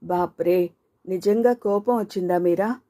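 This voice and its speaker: A woman's voice: on the low side, unhurried, dark tone, natural voice. A woman voicing Jyothi, a talkative, teasing young woman with a car, in playful banter.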